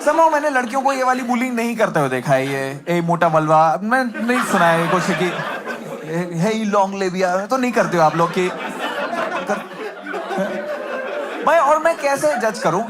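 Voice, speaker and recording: A man's voice: extremely high pitch, very animated, moderate pace, over a noisy crowd. A young man performing a stand-up comedy set, self-mocking and conversational, acting out other people's lines. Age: young adult. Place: comedy club stage with live audience. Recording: loud audience laughter and noisy room.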